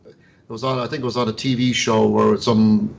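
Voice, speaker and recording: A man's voice: lowish voice, little pitch movement, fairly quick, vocal fry, dull audio, a little hiss or hum. A man hosting an interview, chatting casually in a rambling way, full of fillers. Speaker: show host. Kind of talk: casual chat.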